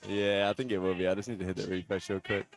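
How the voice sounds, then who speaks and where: A man in his twenties hosting a casual watch-party stream at an event venue, relaxed and laid-back. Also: sits low, quick pace. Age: 20s. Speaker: stream host. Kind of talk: casual chat. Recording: crowd noise in the background.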